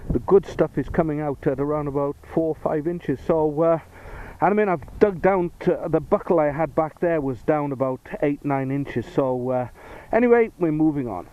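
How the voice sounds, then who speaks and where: A man's voice: a little high, normal speed. A man giving casual, hesitant field commentary as a metal detecting host, musing aloud outdoors. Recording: muffled audio with outdoor background noise.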